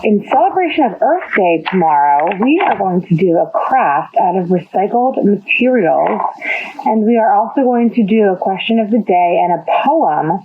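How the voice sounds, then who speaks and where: A woman's voice: medium pitch, lively intonation, normal speed, slight background noise. A woman speaking as a preschool teacher in a kindergarten teacher voice, explaining a lesson to children and repeating simple questions. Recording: dull, phone-like narrow sound.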